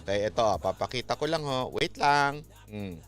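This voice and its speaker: A man's voice: mid-range voice, animated, normal speed, fairly bright tone, faint music behind. A man from the Philippines hosting a vlog, rambling through casual political commentary with sing-song, mocking asides. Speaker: vlog host.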